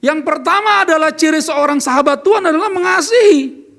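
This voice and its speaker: A man with a strikingly high voice and a gravelly edge delivers an earnest church sermon. He speaks as a pastor and keeps asking his listeners questions. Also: a little fast, fairly bright tone. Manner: earnest, asks the congregation questions. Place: church service.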